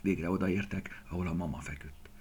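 A man's voice: deep voice, fairly even intonation, vocal fry, a little mellow, slightly rough. A man narrating a children's story expressively, often dropping to a whisper.

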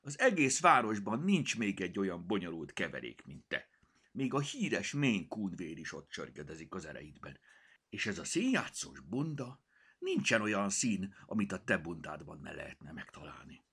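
A man's voice: low-pitched, sing-song, a bit bright, slightly rough, exaggerated voice. A man voicing an earnest, fretful nine-year-old girl in a storybook reading, with a raised, pleading voice. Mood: eager.

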